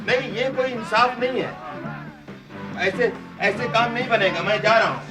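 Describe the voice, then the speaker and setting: A man playing an anguished middle-aged father who confronts his wife and drunken son in a stage play, speaking slowly and with emotion. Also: very high voice. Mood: indignant. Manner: slow, emotional, rising to anger. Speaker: father, Nandan. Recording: stage recording from a distance with music.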